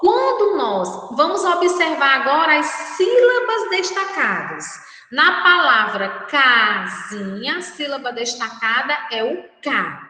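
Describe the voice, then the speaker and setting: Woman teacher, high lively voice, echoey room heard from a distance. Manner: slow, patient, spells out syllables. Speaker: primary school teacher. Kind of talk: recorded classroom lesson for children. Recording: echoey room, mic far off.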